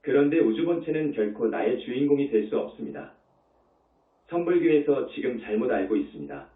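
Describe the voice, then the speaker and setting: A male monk gives a dharma talk with a lively, rising and falling voice, pressing his points home through repetition and rhetorical questions. He sounds tinny and phone-like. He is heard from a distance in an echoing space. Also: medium pitch, brisk. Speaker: Buddhist monk.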